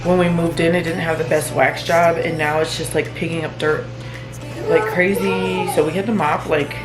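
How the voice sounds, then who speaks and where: A woman's voice: low voice, steady tone, normal speed. A tired young woman vlogging about her weekend as a single mom, chatty and rambling with small self-deprecating laughs. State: tired, yawning. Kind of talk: casual vlog narration. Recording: music playing underneath.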